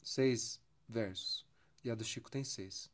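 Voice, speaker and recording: A man's voice: mid-range voice, slow pace. A man with a Brazilian Portuguese accent teaching a songwriting lesson, counting syllables aloud and stretching words as he goes. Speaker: music teacher.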